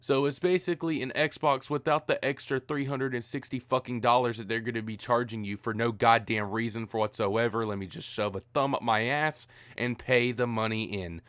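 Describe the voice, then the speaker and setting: A man's voice: mid-range voice, steady tone, moderate pace, few pauses, fairly bright tone, no room sound. A tired man ranting profanely in a rambling, exasperated gaming commentary.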